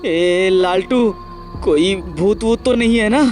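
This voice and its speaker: A man's voice: high voice, slow, a little mellow, faint music behind. A man voicing a jumpy, cowardly young cartoon character who stammers in panic. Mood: scared.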